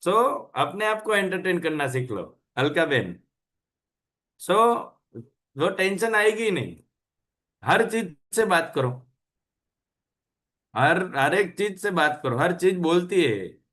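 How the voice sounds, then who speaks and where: A man's voice: sits high, very animated, takes it slowly, pauses often, sharp tone. A man hosting a health channel, giving a casual motivational talk, chatty and full of rhetorical questions, mixing languages.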